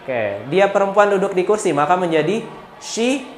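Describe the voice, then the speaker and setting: A man with an Indonesian accent teaching English grammar, saying example sentences slowly and with expression. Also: sits high, big pitch swings, faint music behind. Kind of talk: grammar lesson explaining to students. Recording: echoey room with faint ambience.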